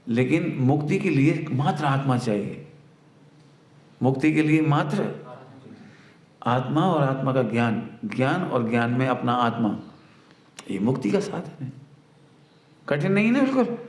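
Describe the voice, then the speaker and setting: Man giving a talk in an echoey hall. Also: on the high side. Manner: explains with everyday examples, repeats key lines; acts out a mother's scolding in a raised voice. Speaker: spiritual teacher. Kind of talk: devotional discourse. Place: spiritual retreat centre hall.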